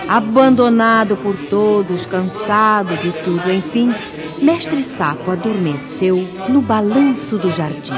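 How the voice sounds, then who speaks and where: A woman reading a rhymed children's story for radio in a slow, sing-song way. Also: mid-range voice, animated, in a large hall, music in the background.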